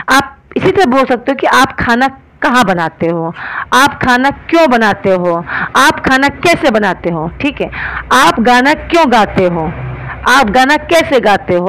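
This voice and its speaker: A woman with an Indian accent teaching an online grammar lesson, often asking if things are clear and slowing down to spell out example sentences. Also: a little high, a bit bright, poor audio. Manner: explains in Hindi, often asks if it is clear.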